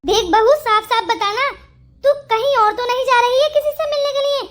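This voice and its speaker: A woman's voice: very high voice, moderate pace. A woman voicing a suspicious middle-aged mother-in-law in a Hindi cartoon story, probing and reproachful.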